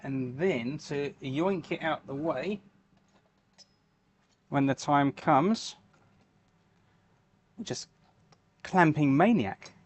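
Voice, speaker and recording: A man's voice: fairly high pitch, drawn-out words, pauses often, dry recording. A man hosting a live stream, chatting casually and answering viewer comments while he makes fishing lures. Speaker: livestream host making fishing lures.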